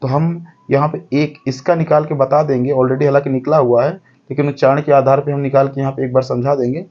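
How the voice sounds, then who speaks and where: A man's voice: mid-range voice, level tone, fairly quick, muffled recording. A man teaching a lesson step by step, counting aloud and often checking that the class follows. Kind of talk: explaining a lesson.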